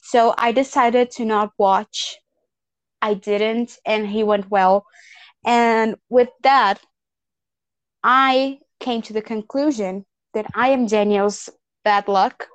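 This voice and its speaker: A woman co-hosting a podcast, chatting in an animated, playful way. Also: on the high side, no echo. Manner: animated, playful, quick laughs. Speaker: podcast co-host. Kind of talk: casual chat.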